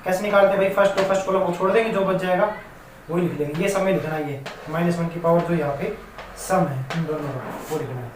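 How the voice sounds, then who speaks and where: A man with a Rajasthani Hindi accent teaches a maths lesson, his voice sitting high. He keeps pausing to check that the students follow. The sound is roomy and picked up from some distance, with a faint hiss behind. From India. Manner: repeatedly checks students' understanding. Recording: echoey room, mic at a distance, faint noise.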